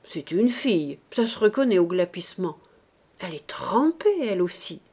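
A woman reading aloud, voicing a gruff, grumbling old male vagabond who rants and hurls grand insults. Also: fairly low pitch, big pitch swings, moderate pace, warm tone. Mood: gruff scolding. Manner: blustering, ranting, grandly insulting. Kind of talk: audiobook character reading.

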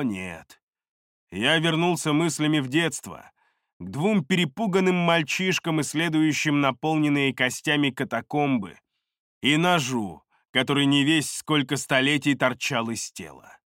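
A man reads first-person fantasy narration for an audiobook in a calm, measured way. His voice sits on the high side, captured dry on a close studio mic.

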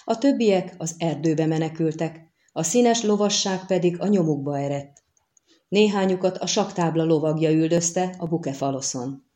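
A woman narrating a fantasy novel with steady storytelling. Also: sits low. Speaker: audiobook narrator. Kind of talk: scripted narration.

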